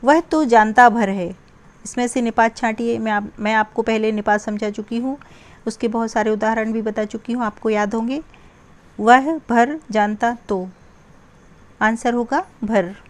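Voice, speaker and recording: A woman's voice: a little high, steady tone, a little slow. A young woman teaching a grammar lesson, spelling out examples word by word and drawing out the exclamations. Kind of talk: slow, deliberate grammar lesson.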